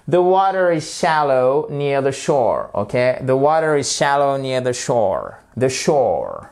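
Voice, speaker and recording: Slow, patient male English teacher. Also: medium pitch, a little mellow. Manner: patient, repeats words slowly, stresses English pronunciation. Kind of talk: vocabulary lesson in French with English examples.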